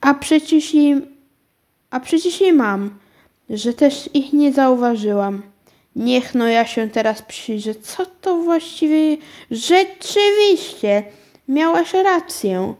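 A woman voicing a chatty, forgetful elderly aunt in a children's storybook reading, talking slowly and dreamily. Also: high-pitched, big pitch swings, darkish tone, voice pushed up, heavily acted. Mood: puzzled, coaxing. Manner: slow, dreamy and coaxing.

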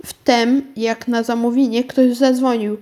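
A woman reading a children's storybook aloud. Her narration is calm and gentle. Her voice sits somewhat high for a woman. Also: a little slow, a little hiss or hum.

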